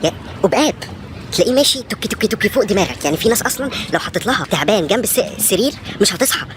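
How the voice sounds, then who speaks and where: A young man with an Egyptian accent rattles through a comic vlog monologue at a breakneck pace. He jokes in an exasperated, rapid-fire way, and faint room noise sits behind him. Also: high-pitched, expressive. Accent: Egyptian Arabic. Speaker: comedy vlogger.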